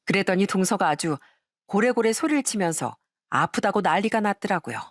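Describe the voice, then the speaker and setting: A woman's voice: medium pitch, lively intonation, a little fast, no echo, clean studio sound. A woman narrating her own story in the first person, in an indignant, confiding way.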